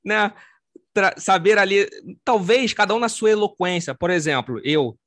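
An expansive man with a Carioca accent and a fairly high voice hosts a podcast chat. His talk is lively and demonstrative, and the recording is dry and close with no room sound. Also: moderate pace, dry recording. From Rio de Janeiro, Brazil. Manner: expansive, talks with his hands. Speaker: podcast host. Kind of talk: casual podcast conversation.

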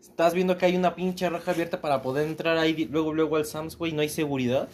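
Quick Mexican man, faint noise behind. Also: a little high, fairly even intonation. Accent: Mexican Spanish. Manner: teasing, reacts with swearing. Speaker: podcast co-host. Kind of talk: casual chat.

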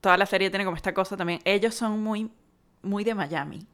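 A woman's voice: medium pitch, a little fast, a bit bright. A woman from Caracas co-hosting a casual podcast chat. She talks in a playful, conversational way and laughs easily. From Venezuela (Caracas). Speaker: podcast co-host.

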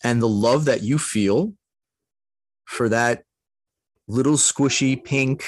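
Man, middle-aged, earnest, emotional, storytelling, mid pitch, dry sound. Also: slow, no room sound. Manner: emotional, earnest, laughs often. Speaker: podcast guest. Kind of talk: heartfelt storytelling.

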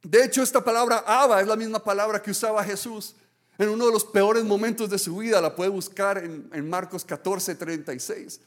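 A man preaching a sermon as a pastor. He tells stories earnestly, often restarts and adds "right?" tags, and swings between hushed and excited delivery. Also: high-pitched, fairly quick. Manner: earnest storytelling, many restarts and "¿verdad?" tags. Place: church.

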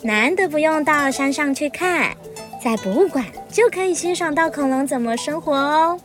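A woman playing a friendly, expressive big-sister museum guide in a children's audio story. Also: sits high, normal speed, soft background music. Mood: cheerful. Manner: chatty, expressive, sentence-final particles.

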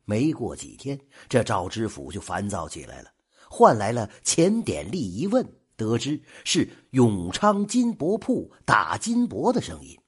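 A man narrating a folk tale in an animated storytelling manner, stretching the ends of phrases. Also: on the low side, slightly rough. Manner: animated, drawn-out particles.

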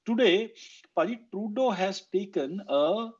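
Hosting an online audio discussion about politics, a man with a North Indian Punjabi accent makes his case casually but emphatically, repeating phrases. He sounds high-pitched and animated yet unhurried, with a breathy edge. The call audio is slightly muffled.

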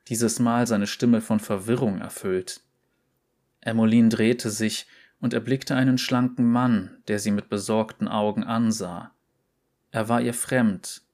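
Slow deep-voiced male story narrator. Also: level tone, darkish tone. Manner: slow, deliberate, measured reading. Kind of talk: scripted narration of a short story.

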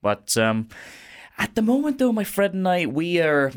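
A man's voice: sits high, huge pitch swings, moderate pace, clear, resonant tone. A man co-hosting a radio show, teasing and upbeat in casual chat. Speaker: radio co-host.

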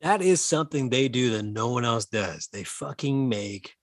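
A man's voice: medium pitch, expressive, moderate pace, no echo. A man co-hosting a casual podcast, telling stories loosely and swearing freely. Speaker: podcast co-host and improv comedian.

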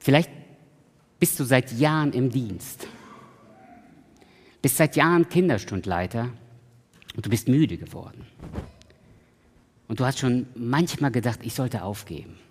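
A man preaching a sermon in a church, swinging from loud emphatic peaks to soft pleading and slowly repeating a refrain. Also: medium pitch, expressive. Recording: long hall reverb.

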